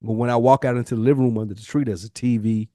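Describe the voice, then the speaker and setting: A man in his forties, a podcast co-host, tells personal stories in casual chat at a very fast clip, his medium-pitched voice steady and dark. He's slangy and profane, repeating phrases for emphasis, and the recording is dry and close.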